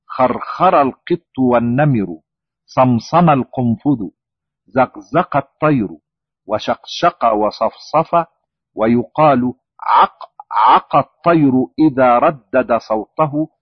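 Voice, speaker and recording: Slow careful guy reading a word list lecture, kinda husky, muffled dry sound. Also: medium pitch, dry recording. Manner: slow deliberate reading, lifting up each listed word. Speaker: language lecturer. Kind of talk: scripted reading of a lexical lecture. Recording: dull lo-fi dry recording.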